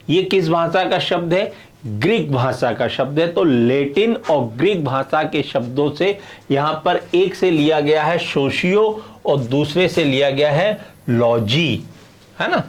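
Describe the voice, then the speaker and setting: A man's voice: fairly high pitch, measured pace. A middle-aged man teaching sociology in a video lecture, explaining step by step and checking often that students follow. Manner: explains with repeated checks like "है ना" and "clear है".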